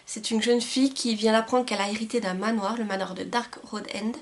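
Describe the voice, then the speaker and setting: A woman's voice: on the high side, fairly even intonation, brisk. A woman book vlogger talking casually and enthusiastically about books she received, with frequent filler words. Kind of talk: casual book haul chat.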